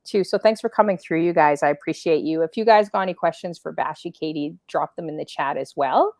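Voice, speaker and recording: A woman's voice: low voice, fairly quick, dry recording. Chatty woman host, dry close sound. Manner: chatty, shouts out viewers, asks leading questions. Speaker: talk show host. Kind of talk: casual interview chat.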